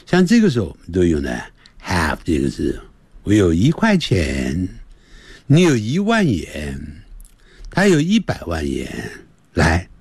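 A man teaching English on the radio, explaining grammar and drilling pronunciation with slow, repeated words in a playful, lively manner. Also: low voice, vocal fry, husky, no echo, studio quality.

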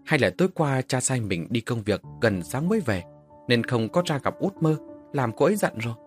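A man's voice: mid-range voice, big pitch swings, fairly quick, a little mellow, soft background music, natural voice. A man voicing a young eldest son who works the fields, anxious and then shocked by grief. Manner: shocked, anguished.

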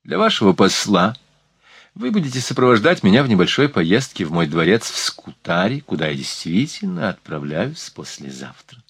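A gracious, worldly sultana, read by a man in a low voice, speaking in a soft, slightly lisping whisper. She is confiding and decisive, with a light teasing edge. The recording is close and dry. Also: very animated, moderate pace, husky, no echo, full character voice. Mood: reassuring.

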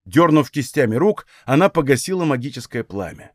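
A man narrating a fantasy audiobook in an even storytelling manner. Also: mid-range voice, brisk, dry recording, clean studio sound. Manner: even storytelling, acts out dialogue.

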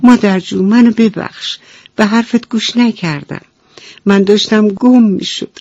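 A woman's voice: fairly even intonation, a little mellow, dry recording, natural voice. A woman voicing a scared, lost little duckling, tired and tearful, in a children's bedtime storybook reading. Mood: apologetic. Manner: high, pleading and tearful. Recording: dull lo-fi radio recording.

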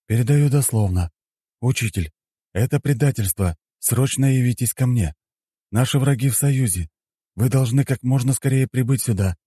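A man's voice: mid-range voice, normal speed, mellow, slightly rough, no room sound, voice pushed up, close to an everyday voice. Enchanted tendrils deliver messages in a lifted, formal announcing tone, as a male narrator voices them. The sound is dry and close. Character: magic tendrils relaying messages word for word.

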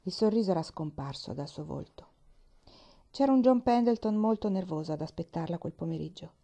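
A woman narrating a children's classic as an audiobook reader, in a gentle, measured reading voice. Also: lowish voice, lively intonation, creaky. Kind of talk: storybook narration.

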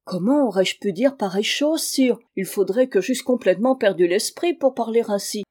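A woman's voice: mid-range voice, normal speed, a little mellow, close to an everyday voice. A woman reading aloud and voicing a humble young shepherd who answers earnestly.

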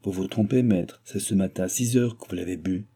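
A man voicing a young disciple who answers his master in a low, quiet, deferential tone. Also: brisk, breathy edge. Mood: soothing. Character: young male disciple, respectful and soothing.

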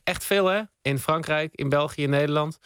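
A man, a guest on a radio interview, telling a rambling story in a relaxed, meandering way with many fillers, at a studio microphone. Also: on the high side, brisk, clean tone, dry recording. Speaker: guest, spoken word artist.

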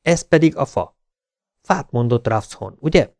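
A man's voice: medium pitch, lively intonation, darkish tone, no room sound, studio quality, pitched above the performer's own voice, close to an everyday voice. A man voicing a desperate grown man in an audiobook, speaking urgently and lifting his voice in distress. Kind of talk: audiobook character reading.

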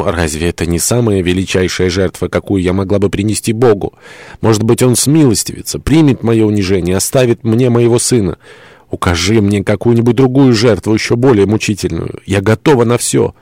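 A man's voice: sits low, steady tone, brisk, few pauses, a little mellow, dry recording, clean studio sound, lightly acted. A man voicing a pious young mother in anguish, pleading and breaking into tearful outbursts in an audiobook. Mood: despairing.

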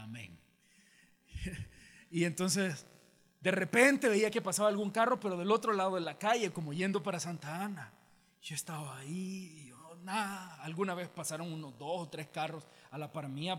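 Pastor telling a lively story. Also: male voice, fairly high pitch. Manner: animated, humorous storytelling with acted-out quotes. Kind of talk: storytelling sermon. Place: large church auditorium. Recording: long hall reverb from auditorium.

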